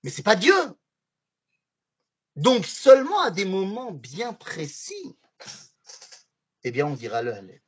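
A man teaching a lively religious lesson on Hebrew words to a class, often asking his students questions. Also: sits high, slow pace, pauses often, husky. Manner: animated, asks the class questions. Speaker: Torah teacher.

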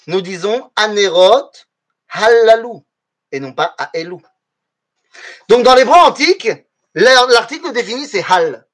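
A man teaching a lesson to his students, explaining things step by step and often throwing questions back at the class. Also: sits high. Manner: animated, asks the class rhetorical questions.

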